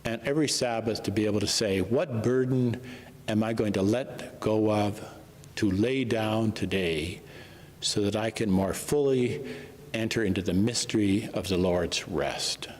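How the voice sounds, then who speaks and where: A man, a priest, reading the gospel and preaching a homily in a slow, measured way, his voice ringing in the long reverb of a large church. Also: fairly low pitch, darkish tone. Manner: slow, measured, unhurried delivery.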